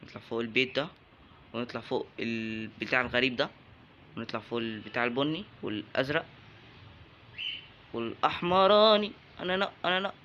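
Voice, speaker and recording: Speaking quickly at a medium pitch, this young Egyptian-accented gaming YouTuber jokes his way through a let's-play, yelping in excitement at enemies. The audio has its highs cut off and a slight background noise.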